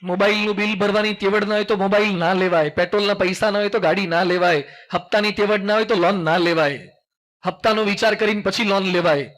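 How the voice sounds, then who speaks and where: A man's voice: high-pitched, steady tone, fast, a bit bright. A middle-aged man, a monk, preaching a sermon with a Gujarati accent, telling folksy stories with jokes and call-and-response, and dropping in English phrases. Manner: mixes English phrases into speech.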